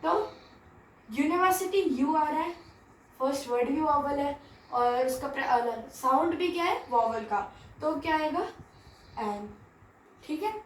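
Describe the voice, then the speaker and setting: During a Hindi-English grammar lesson, a woman with a high-pitched, animated voice speaks unhurriedly and pauses often. She asks questions and answers them herself, checking in with "theek hai." Recorded from afar in an echoey room, the audio carries slight background noise.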